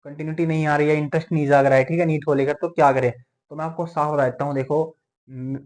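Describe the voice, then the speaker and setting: Fast-talking young man mentoring students. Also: a little high, a little mellow. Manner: fast, repeats "theek hai" as a tag. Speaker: medical entrance exam mentor. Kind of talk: motivational talk to students.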